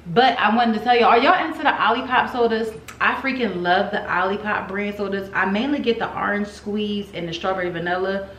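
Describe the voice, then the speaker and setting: A woman's voice: mid-range voice, brisk, hardly any pauses, a bit bright. Woman vlogger, super casual n slangy, drags out words, echoey room, slight background noise. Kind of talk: casual chatty vlog talk to viewers. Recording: roomy echo, some background noise.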